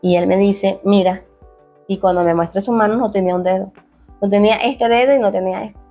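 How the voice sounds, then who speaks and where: A woman's voice: medium pitch, steady tone, fairly quick, dark tone, soft background music. A young adult woman, a former athlete turned fitness coach, earnestly tells her life story in an interview, often restarting phrases and acting out quoted dialogue. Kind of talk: emotional personal storytelling.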